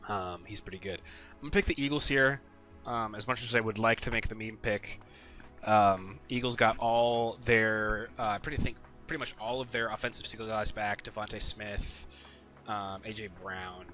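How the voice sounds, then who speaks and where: Faint music plays behind a sports picks host who chats casually by himself about his picks for the week, swearing now and then and saying "um" a lot. His voice is lowish, bright and forceful, at a normal speed.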